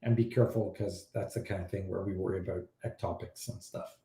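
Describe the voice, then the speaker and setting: Male fertility doctor, originally from Iran, hosting a live Q&A; blunt and animated, warm low tone, echoey room. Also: fast. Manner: blunt, animated, exasperated at odd claims. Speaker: fertility doctor answering questions. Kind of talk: casual live Q&A.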